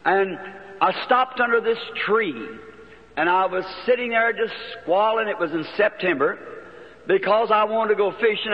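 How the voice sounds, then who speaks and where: High-voiced preacher in an echoing hall. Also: male voice. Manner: folksy, plain-spoken storytelling with rural turns of phrase. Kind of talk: sermon storytelling. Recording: dull lo-fi archival sermon recording with long hall reverb.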